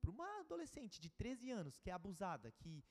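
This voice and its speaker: A Brazilian man in his thirties preaching a sermon, telling stories with emotion, moving from hushed to urgent. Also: high-pitched, wildly swooping pitch, a little fast. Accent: Brazilian Portuguese. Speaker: pastor. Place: church hall. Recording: reverberant church hall.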